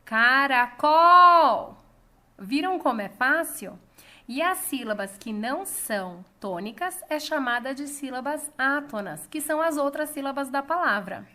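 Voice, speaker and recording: A woman with a Brazilian Portuguese accent teaching a lesson, calling out words slowly and drawing out the stressed syllable. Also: sits high, animated, fairly bright tone. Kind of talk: slow, clear classroom lesson.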